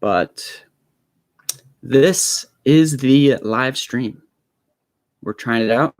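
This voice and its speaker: A man's voice: mid-range voice, very slow, no room sound. A young man hosting his own live stream from a home room studio on a small desk microphone, telling a story in a nervous, rambling way with many fillers and restarts.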